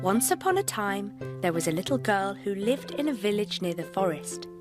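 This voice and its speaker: A woman narrating a fairy tale in a gentle, expressive storytelling manner. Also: medium pitch, moderate pace. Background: background music.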